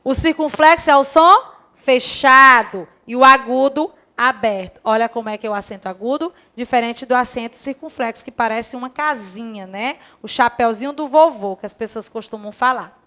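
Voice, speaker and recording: A woman teaching a recorded lesson to young children, reading words slowly and asking and answering questions in the pupils' place. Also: fairly high pitch, sharp tone. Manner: slow, stretched-out reading of words and syllables; asks questions in the pupils' voice and answers them herself. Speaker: primary school teacher.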